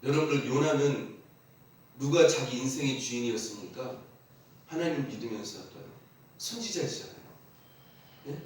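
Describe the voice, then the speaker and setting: A man's voice: medium pitch, normal speed, pauses often, a little mellow, a little hiss or hum. A man preaching a sermon as pastor, asking the congregation emphatic questions and leading them in call-and-response repetition. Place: church sanctuary. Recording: very echoey church from a distant mic.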